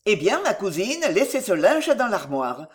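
A reader voicing a courteous bearded colonel who speaks politely and with gentle amusement. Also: medium pitch, big pitch swings, normal speed, natural voice.

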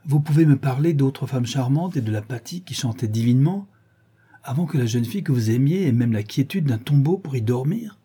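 Man reading as a grave older-sounding painter, sorrowful, reproachful, lowish, dark husky voice. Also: lively intonation, fairly quick. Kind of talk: audiobook character reading.

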